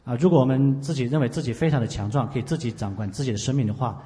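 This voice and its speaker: A man interpreting a sermon live, talking quickly with frequent "ah" fillers. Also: mid-range voice, mellow. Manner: rapid, with frequent "ah" fillers and restarts. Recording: echoey hall with long reverb.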